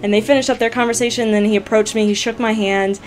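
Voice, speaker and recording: A young woman gaming vlogger, telling a story casually to camera, chatty and excitable, full of "like" and "you guys". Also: a little high, quick pace. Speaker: gaming YouTuber answering viewer questions.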